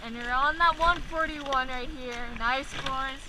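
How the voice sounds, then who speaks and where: Noisy outdoor recording on the water, with a high-voiced woman coxswain calling a rowing race. She gives short, urgent commands in a rhythmic, drawn-out way, steering and driving her crew on. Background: clear noise of water, wind and boat.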